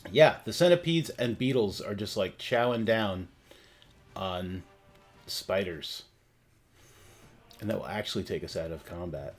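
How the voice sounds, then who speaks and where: Male game master, low pitch, casual improvised narration, halting, thinking aloud, faint music behind.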